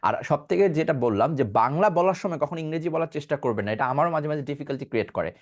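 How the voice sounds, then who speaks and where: Guy teaching pronunciation online, talks fast, slightly high voice, keeps asking and answering himself. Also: animated. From Bangladesh. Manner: explanatory, asks and answers own questions, demonstrates sounds. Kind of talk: online class lecture.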